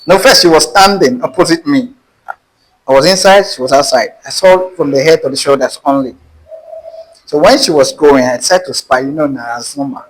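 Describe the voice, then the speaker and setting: A rough recording with slight background noise captures a man whose voice is a little high and whose pace is moderate. With a Nigerian accent, the interview guest tells his dating story animatedly and acts out what each person said.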